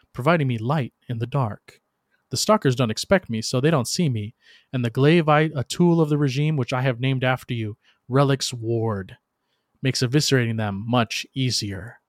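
A man delivers a scripted dramatic monologue as a bitter, bloodthirsty warrior. His voice sits at a medium pitch with a solemn, theatrical weight. The sound is very dry, with no room around it. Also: no room sound. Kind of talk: dramatic scripted narration in character.

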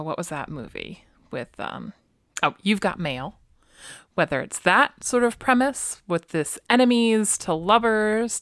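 A woman's voice: medium pitch, a bit bright, dry recording, studio quality. A woman co-hosting a podcast, chatting casually with playful, enthusiastic asides. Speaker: podcast co-host. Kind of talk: casual chat.

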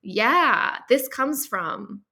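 Woman with a bright, crisp voice, thinking out loud, lots of um and like. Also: on the high side, animated, drawn-out words. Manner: reflective, heavy use of fillers. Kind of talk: casual conversation.

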